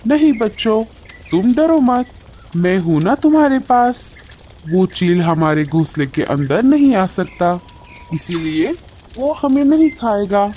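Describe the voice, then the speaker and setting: A woman voicing a caring, protective mother bird in a cartoon, speaking softly and soothingly. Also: mid-range voice, very animated, slow, a little hiss or hum, voice pushed up.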